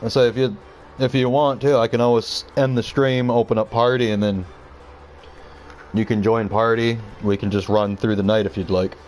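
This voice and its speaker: A man's voice: on the low side, little pitch movement, moderate pace, darkish tone, slight background noise. Chatty male gaming streamer. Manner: chatty, talks to viewers while playing. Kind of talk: casual live-stream chat.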